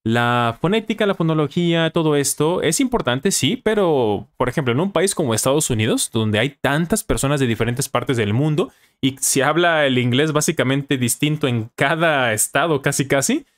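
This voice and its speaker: A young man with a Mexican Spanish accent, his voice sitting a little high for a man, talks through his own video in a loose, reflective way. He often corrects himself mid-sentence and keeps checking in with tag questions. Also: animated, normal speed, few pauses. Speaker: YouTuber and English teacher.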